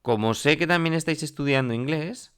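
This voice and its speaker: A man's voice: a little high, fairly quick, a bit bright, clean tone. A man teaching French to Spanish speakers in a classroom lesson, explaining patiently and checking in often with the class. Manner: explanatory, repeats "¿vale?" and "mirad" often.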